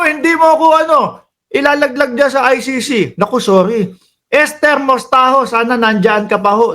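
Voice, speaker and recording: A Filipino-accented man hosting a casual political commentary stream, chatty and quick to laugh, calling out to his viewers. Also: high voice, fairly bright tone. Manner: chatty, laughs often, addresses viewers as bossing and kababayan. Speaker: political commentary livestream host.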